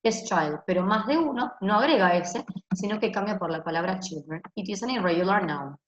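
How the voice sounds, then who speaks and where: A woman's voice: medium pitch, lively intonation, normal speed. Woman teaching english, says "ok?" nonstop, echoey dull laptop mic sound. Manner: explains in Spanish, tags most lines with "ok?". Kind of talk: recorded online class explanation. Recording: echoey room, dull lo-fi sound, faint hiss.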